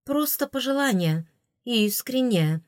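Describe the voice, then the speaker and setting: A woman's voice: on the high side, animated, unhurried, no echo, studio quality, pitched above the performer's own voice. A woman voicing a tired young heroine who answers in a grumbling, sarcastic tone. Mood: weary.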